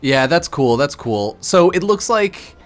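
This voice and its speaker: This streamer, a bit drunk, rambles through blunt, profane, opinionated game commentary while music plays underneath. His voice sits a little high and is very animated, though his pace stays measured.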